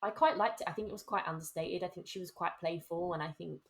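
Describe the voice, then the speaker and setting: Brief: young adult woman, podcast co-host, fairly low voice, chatty, quick to laugh. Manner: chatty, laughs easily, lively asides. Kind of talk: casual chat.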